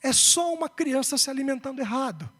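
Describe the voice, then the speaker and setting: A young Brazilian man giving an emotional spiritist talk. He moves between hushed confession and rising urgency. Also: very high-pitched, animated, a little fast. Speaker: spiritist speaker. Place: lecture hall. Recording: long hall reverb, breathy voice.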